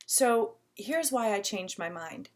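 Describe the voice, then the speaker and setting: A woman's voice: mid-range voice, expressive, slow. A woman narrating a story in the first person with a casual, conversational delivery. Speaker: audiobook reader.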